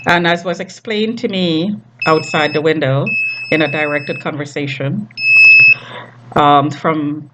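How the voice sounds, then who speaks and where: A person speaking unscripted in a video diary, halting, with long pauses and frequent ums. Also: medium pitch, steady tone. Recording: clearly noisy room recording.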